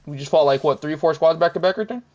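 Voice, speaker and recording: A man's voice: fairly high pitch, very fast. A young man giving casual, laid-back commentary over his own gameplay, chuckling often and poking fun at himself. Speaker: gaming commentator. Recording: dull lo-fi mic.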